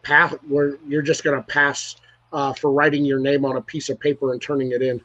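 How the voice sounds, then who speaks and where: A podcast host chats casually in an interview, telling loose, rambling stories and restarting often. His medium-pitched voice is flat and a little fast. The audio is dull and lo-fi, with a noisy background.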